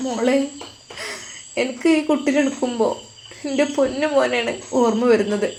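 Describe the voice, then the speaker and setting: A woman's voice: sits high, normal speed, darkish tone, a little hiss or hum. A woman voicing a grieving older mother who speaks soothingly. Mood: tearful.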